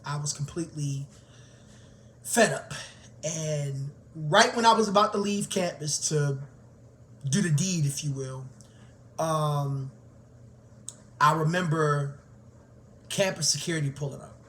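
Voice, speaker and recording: A man's voice: fairly high pitch, measured pace, long pauses, slight background noise. A man, a teacher candidly telling his own story in a conversational way. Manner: candid, conversational, grows animated. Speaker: teacher and vlogger. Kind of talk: personal storytelling to camera.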